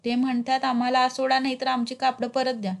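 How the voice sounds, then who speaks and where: A woman voicing a cheeky village doorkeeper in a spoken story, rustic and joking. He teases the manager in broad dialect, pitched a touch high. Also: completely flat delivery, fast, creaky. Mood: teasing.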